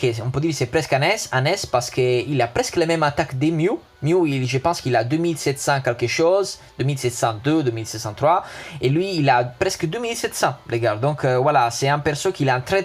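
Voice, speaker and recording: A man speaks French as a second language, with a foreign accent. His voice sits at a middle pitch. He talks casually like a gaming video host, haltingly, often repeating words and restarting his sentences. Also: a bit bright. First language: not French. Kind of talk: casual unscripted game character review.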